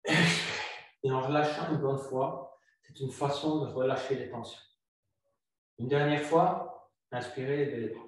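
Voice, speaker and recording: A man guiding a yoga flow class, calm and instructive, repeating his cues slowly. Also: medium pitch, slight background noise. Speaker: yoga teacher. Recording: very echoey room, voice far from mic.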